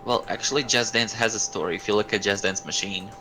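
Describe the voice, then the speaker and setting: A man's voice: fairly low pitch, fast, sharp tone. A man teasing his friend in a casual argument, dismissive and mocking. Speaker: streamer's friend. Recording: roomy, noisy, off-mic.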